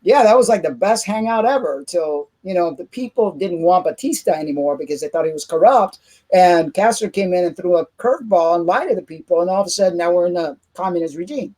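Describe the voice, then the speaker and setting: A man's voice: high-pitched, lively intonation, fairly quick, mellow. A man from Cuba talking emphatically in a casual panel discussion.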